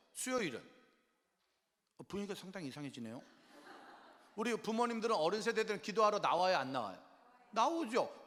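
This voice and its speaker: A man preaching a revival sermon as pastor, swinging between loud exhortation and quiet low lines and firing questions at the congregation. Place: large church worship hall. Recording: long church hall reverb.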